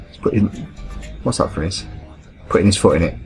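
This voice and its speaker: A man's voice: low voice, animated, a little fast, soft background music, poor audio. A man, telling rambling, self-correcting anecdotes while commenting on gameplay. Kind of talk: casual storytelling over gameplay.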